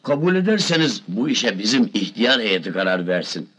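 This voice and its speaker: An actor playing a stubborn, indignant older village father in a film comedy, with a husky voice. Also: on the low side, big pitch swings, normal speed, fairly bright tone, full character voice. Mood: stern. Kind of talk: Turkish film comedy acting.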